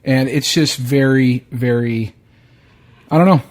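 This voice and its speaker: A man's voice: medium pitch, slow, darkish tone. A man hosting a podcast, chatting in a blunt, opinionated way, swearing freely and often restarting his sentences. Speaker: podcast host. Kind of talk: casual chat.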